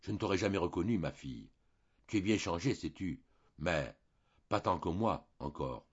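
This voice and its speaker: Casting: a frail, tender older lady, read by a male narrator, soft and husky, dull sound. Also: lowish voice, sing-song, normal speed, exaggerated voice. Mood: tender, sorrowful. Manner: soft, trembling speech.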